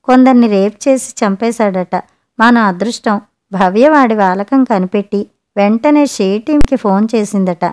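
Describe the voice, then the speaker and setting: A woman narrator voicing a grown son who explains things to his mother softly and slowly. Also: medium pitch, smooth, close to an everyday voice. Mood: weary. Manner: soft, measured. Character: calm grown son, gentle and weary.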